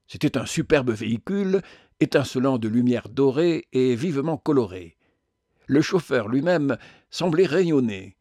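A man narrating a novel as an audiobook, in a measured reading with occasional hesitations. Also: mid-range voice, a little mellow, dry recording, clean studio sound.

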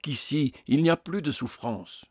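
A man's voice: on the high side, a little slow, slightly rough, dry recording, studio quality. A man voicing a serene, radiant heavenly lady. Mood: gentle. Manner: gentle, calmly insistent.

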